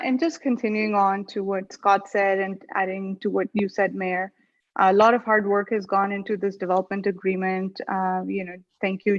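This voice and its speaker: A woman council member speaks over a video call whose audio keeps breaking up. Her voice is flat and level, heard dry and dull through lo-fi sound. She talks haltingly, stopping and restarting often. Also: mid-range voice, no room sound. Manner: halting, with many fillers and restarts. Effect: audio breaking up over a bad internet connection. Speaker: vice mayor on a city council. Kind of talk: council meeting remarks.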